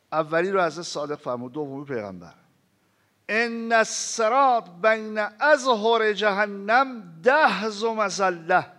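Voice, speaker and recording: In this sermon, a high-voiced man chants Arabic scripture slowly before explaining it. His rhetorical questions to the listeners alternate between loud emphasis and hushed pauses.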